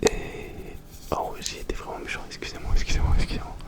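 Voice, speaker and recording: Young man, ASMR, breathy whisper, right in your ear, very close mic, informal chat. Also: quick pace. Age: young adult. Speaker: ASMR video host. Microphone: very close to the microphone.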